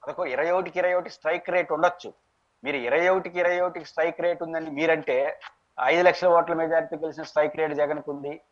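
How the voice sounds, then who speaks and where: Fast-talking man analyst, argumentative. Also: a little high, steady tone. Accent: Telugu. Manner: argumentative, rhetorical questions. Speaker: political analyst. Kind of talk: political interview. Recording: dull lo-fi recording.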